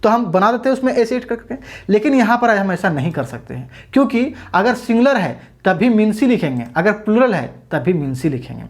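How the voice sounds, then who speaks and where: Animated woman teaching grammar. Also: mid-range voice, a little fast, few pauses. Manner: asks questions and answers them herself; addresses viewers as brothers and sisters. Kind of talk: exam-prep grammar lesson.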